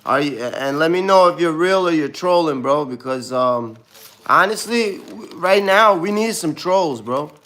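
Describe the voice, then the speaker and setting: A man in his thirties with a Brooklyn, New York accent talks through a casual live stream. His voice sits a little high, and his delivery is loose and rambling, with "bro" dropped into nearly every sentence. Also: lively intonation, measured pace, pushed and bright. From born in Ukraine, raised in Brooklyn, New York. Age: 30s. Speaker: livestreamer answering chat.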